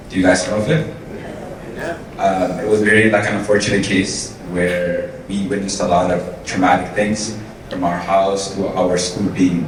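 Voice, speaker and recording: Young man telling his story in an echoey hall. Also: low voice. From Ethiopia. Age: young adult. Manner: casual, many ums and restarts. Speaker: invited speaker. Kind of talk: personal story talk. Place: large event hall. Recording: roomy hall sound from far off, noisy.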